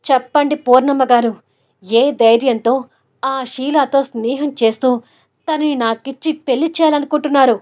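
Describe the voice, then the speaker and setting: A woman voicing a hot-tempered young man who shouts furiously at his mother. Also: fairly high pitch, steady tone, moderate pace, lightly acted. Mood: angry. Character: angry young husband, hot-tempered son.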